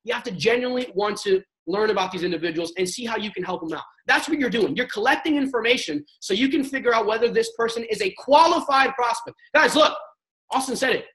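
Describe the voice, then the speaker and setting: On a rough recording, a young man with a very high, expressive voice speaks fast with a fairly bright tone. He sits on a sales panel as a network marketing panelist, giving an emphatic, coaching motivational talk in slangy, casual terms and acting out sample chats.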